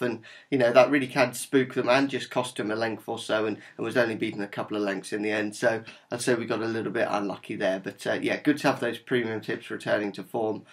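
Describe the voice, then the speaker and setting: A man's voice: fairly low pitch, steady tone, brisk, few pauses. A man with a Norfolk English accent, informally presenting a horse racing tips video in a conversational, upbeat, matter-of-fact way. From Norfolk, England.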